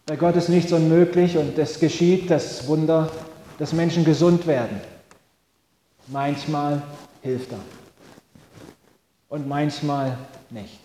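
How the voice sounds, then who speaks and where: Male pastor, slightly higher voice, mellow tone; slow, thoughtful sermon in a reverberant church. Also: a little hiss or hum. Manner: slow, reflective, with long pauses.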